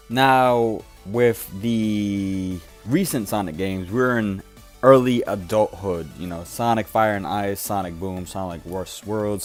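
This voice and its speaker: Lower-voiced man in an argumentative game review. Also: darkish tone. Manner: arguing back and forth, conversational, emphatic. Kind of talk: scripted review commentary staged as an argument with himself.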